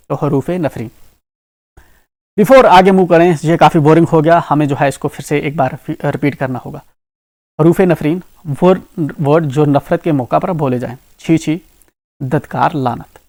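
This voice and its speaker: Kashmiri man teaching grammar, higher voice. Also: darkish tone, dry recording. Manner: repeats "ठीक है ना" often, explains terms with examples. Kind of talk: exam-prep grammar lesson.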